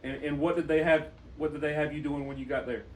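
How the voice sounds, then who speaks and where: A man interviewing someone, asking gentle, conversational questions. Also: on the high side, steady tone, quick pace. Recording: roomy echo, distant mic, faint noise.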